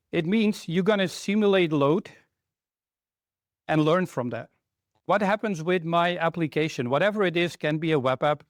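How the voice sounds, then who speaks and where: A middle-aged Belgian man with a voice on the high side speaks at a conference as a technical trainer, chatting with the live audience and often asking them questions. The audio is clean studio sound with no room sound.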